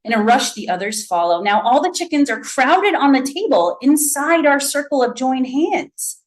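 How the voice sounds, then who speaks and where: A woman, an author, reading her fiction aloud with lively storytelling. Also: high-pitched, normal speed. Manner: lively storytelling, voicing a child narrator. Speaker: author and faculty reader.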